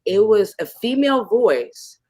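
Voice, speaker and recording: Animated woman telling a spooky story. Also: normal speed, no echo. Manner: animated, acts out moments with sudden pitch jumps. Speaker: guest. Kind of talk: storytelling in a casual podcast chat.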